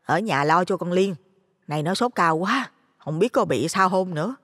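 Storybook role: man doing a brisk, high falsetto village mother, blunt and worried, with a long reverb. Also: animated, a bit bright, husky, studio quality, full character voice.

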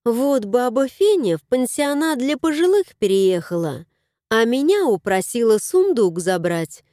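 A woman's voice: a little high, very animated, unhurried, warm tone, no room sound, clean studio sound. A woman voicing a cheerful, affectionate young wife who gushes in exclamations in an audiobook. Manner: gushing, exclamatory.

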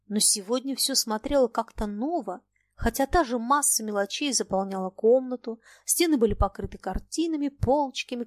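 A woman's voice: a little high, no room sound. Woman narrating an audiobook, dry sound. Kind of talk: scripted narration.

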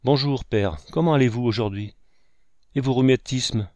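A man's voice: medium pitch, normal speed, darkish tone, no room sound, studio quality, lightly acted. A man reading as a big, dutiful frontier son. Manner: respectful, eager to explain.

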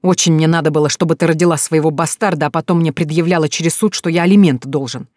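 Narrator voicing a spiteful, loud ex-husband in a dry audiobook read, higher than the narration. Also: male voice, steady tone, quick pace, dry recording, close to an everyday voice. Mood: venomous rage. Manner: shouting, venomous, contemptuous. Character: furious abusive ex-husband, grown man.

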